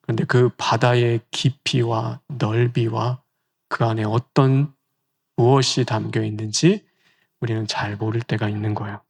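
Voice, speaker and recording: Male pastor, mid-pitched voice, chatty sermon delivery full of rhetorical questions, now and then slips away from the mic. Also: level tone, a little slow, creaky, breathy edge. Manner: conversational preaching with rhetorical questions.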